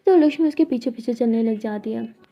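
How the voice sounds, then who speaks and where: A woman storyteller narrating a story in a soft, conversational way. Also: on the high side, a little fast, dull audio.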